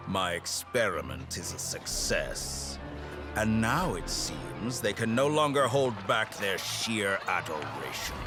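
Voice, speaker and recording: A man's voice: on the low side, very animated, slow, over music. A man voicing a smug, sinister villain scientist in a video game, pompous and mocking in a theatrical way. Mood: smug, gloating.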